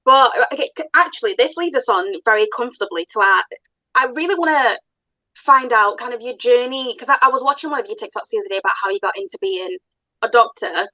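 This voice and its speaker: A woman's voice: fairly high pitch, fast talker, dry recording, poor audio. A woman hosting a podcast and running her own business, talking in a chatty, enthusiastic way as she tells stories and sets up questions. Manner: chatty, enthusiastic, animated storytelling. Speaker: podcast host, business owner. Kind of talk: casual podcast conversation.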